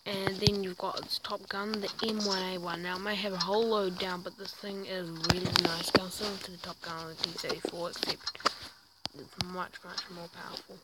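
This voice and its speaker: Her throat is sore, leaving her lowish voice croaky as she briskly reviews a video game tank in a flat delivery. The commentary is chatty and self-mocking, with frequent stumbles, set against loud background noise and clicking.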